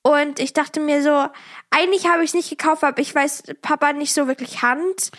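A woman's voice: high-pitched, fairly even intonation, moderate pace, a bit bright. A young woman chatting casually with her parents on a podcast, teasing and hesitating with many restarts. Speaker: podcast co-host, daughter. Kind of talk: casual family chat.

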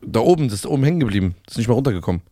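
A man co-hosting a podcast, telling a story in casual chat and rushing ahead when he gets excited. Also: mid-range voice, no room sound, studio quality. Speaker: podcast co-host.

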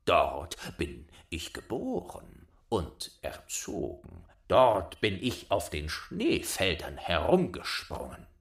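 A man voicing a gentle, homesick reindeer in a storybook, speaking low, slow and wistful. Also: huge pitch swings, full character voice.

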